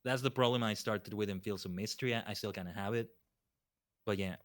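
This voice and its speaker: A man's voice: on the low side, fairly quick. A man chatting casually as a guest on a livestream, rambling and often repeating his phrases. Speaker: guest streamer.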